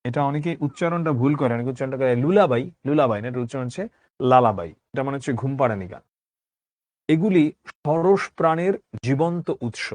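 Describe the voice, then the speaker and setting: A man's voice: mid-range voice, a little fast, a little mellow, dry recording. Man teaching an online class. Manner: explains text line by line, asks students questions.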